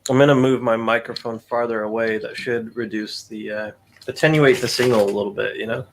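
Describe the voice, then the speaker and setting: A man with an even, mid-height voice hosts a laid-back stream. He chats freely, tosses in jokes and quick asides, and sounds close to his desk microphone on a voice call. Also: mid-range voice, slight background noise. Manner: chatty, joking, quick asides. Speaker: stream host. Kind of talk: casual chat.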